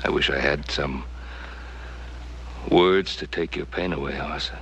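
A middle-aged actor playing a grave, compassionate rancher father in a TV western, with a North American accent and measured, authoritative delivery. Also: very deep voice, vocal fry, a bit bright, exaggerated voice. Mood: consoling. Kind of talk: TV western drama acting. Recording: noisy old television soundtrack.

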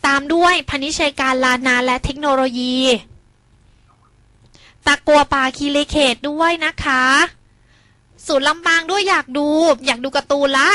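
A woman's voice: high-pitched, a little slow, pushed and bright, no room sound. A woman teacher greeting students in an online class, chatty and coaxing them to join in.

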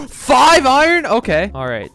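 A young man playing a game with a friend, excitable and teasing, often laughing and gasping. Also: very high voice, slow, soft background music. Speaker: gaming YouTuber. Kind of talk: energetic gameplay banter.

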